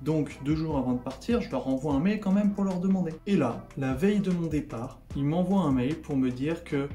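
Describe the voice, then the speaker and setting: A man's voice: a little high, fairly quick, mellow. Sarcastic young Frenchman, echoey room. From France. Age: young adult. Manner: sarcastic, mock-indignant. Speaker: vlogger. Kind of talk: comic vlog monologue. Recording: echoey room, faint background music.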